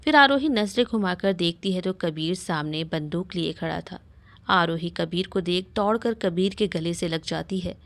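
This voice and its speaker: A woman's voice: normal speed, no echo. A woman reading a romantic story aloud, voicing every character's lines herself. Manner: reads all parts in her own voice, lifting pitch for dialogue. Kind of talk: scripted story narration.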